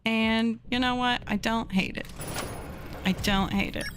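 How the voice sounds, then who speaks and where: A woman's voice: a little high, steady tone, unhurried, a bit bright, a little hiss or hum. A woman hosting a live game stream, chatting casually and giggling as she talks to her viewers. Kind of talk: casual live gameplay commentary.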